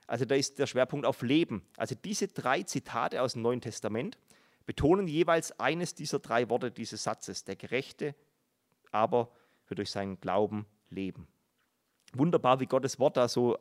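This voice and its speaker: A middle-aged man preaching a Bible-teaching sermon, earnest and explanatory, repeating words for emphasis. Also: mid-range voice. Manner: earnest, explanatory, with many repetitions and asides.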